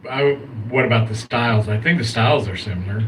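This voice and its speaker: A man's voice: fairly low pitch, a little fast, a bit bright. A man co-hosting a casual wrestling podcast who thinks aloud, hesitating with fillers. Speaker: podcast co-host. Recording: distant mic with faint hiss.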